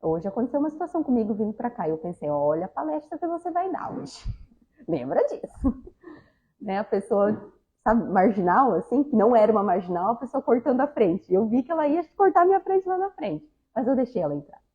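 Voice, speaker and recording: A woman's voice: on the high side, very animated, fairly quick, phone-quality sound. A woman giving a spiritist talk, speaking conversationally and often addressing the audience directly. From southern Brazil. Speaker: lecturer at a spiritist center.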